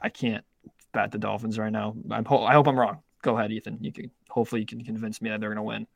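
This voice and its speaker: A man's voice: on the low side, level tone, quick pace, creaky, no echo, clean studio sound. A young man co-hosting a casual sports betting podcast, talking in rambling bursts with many restarts and the odd swear word. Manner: rambling, self-interrupting, frequent restarts and swearing. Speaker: podcast co-host.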